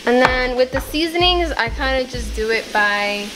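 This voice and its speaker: A young woman calmly explaining each step as she cooks in her home kitchen. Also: high-pitched, moderate pace, reverberant, heavy background noise. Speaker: home cook. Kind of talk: casual cooking vlog.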